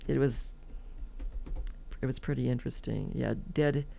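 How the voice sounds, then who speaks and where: A woman's voice: extremely low pitch, unhurried, gravelly, mellow. A woman in her seventies from California, telling rambling, chatty stories as a podcast guest and laughing often. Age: 70s. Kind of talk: casual interview storytelling.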